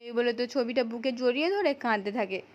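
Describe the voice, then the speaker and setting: High-voiced woman retelling a TV serial. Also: brisk, dull audio. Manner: storytelling, quoting every character in turn. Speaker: serial recap narrator. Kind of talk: scripted narration retelling a TV serial episode.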